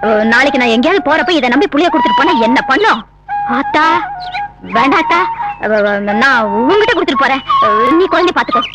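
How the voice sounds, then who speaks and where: An actress playing a young pregnant village woman, sharp and scolding when crossed. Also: high-pitched, sing-song, over loud music. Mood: angry. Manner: sharp, scolding, quick to anger. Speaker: expectant mother in a short film. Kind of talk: film drama acting. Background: loud film score.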